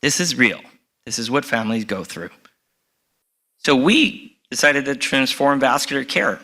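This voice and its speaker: Earnest bright-voiced surgeon. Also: male voice, medium pitch, expressive, a little slow. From Costa Rica. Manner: earnest, fillers and restarts, stresses key words. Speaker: vascular surgeon giving a conference talk. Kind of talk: conference presentation.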